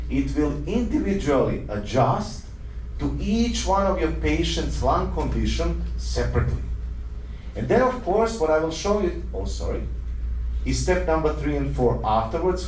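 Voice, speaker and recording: A Croatian doctor delivers an earnest conference lecture, peppered with rhetorical questions and small self-corrections. His voice is fairly high-pitched with a darkish tone and a faint hiss or hum. He's recorded from a distance in a roomy lecture hall.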